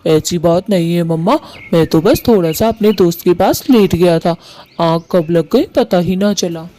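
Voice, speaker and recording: A man's voice: high voice, moderate pace, dark tone, close to an everyday voice. A man voicing a young male bird in a cartoon who coaxes and then defies his mother. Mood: wheedling. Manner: defiant, wheedling. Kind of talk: Hindi cartoon voice acting.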